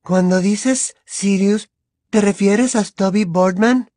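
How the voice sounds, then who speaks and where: A woman voicing an odd, dreamy teenage girl witch who speaks with calm detachment. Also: medium pitch, measured pace, no room sound, studio quality, pitched below the performer's own voice, close to an everyday voice. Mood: serene, dreamy.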